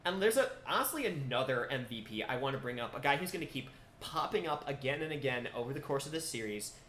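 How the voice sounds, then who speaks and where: A man's voice: medium pitch, very animated, fairly bright tone. A man co-hosting a podcast, chatting casually and enthusiastically about horror films, with lots of filler words. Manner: enthusiastic, quick, many fillers. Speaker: podcast co-host. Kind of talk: casual film discussion. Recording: echoey room with faint noise.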